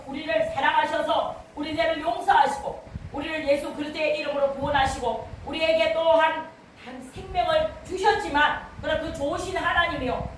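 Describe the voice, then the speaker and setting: A woman pastor preaching a sermon with fervent, rising exhortations. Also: sits high. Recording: echoey hall from far off, light noise.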